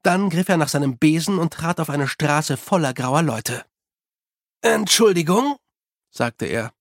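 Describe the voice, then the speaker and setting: A man narrating an audiobook in an even, understated delivery. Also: on the high side, normal speed, no echo, clean studio sound. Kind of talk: scripted narration.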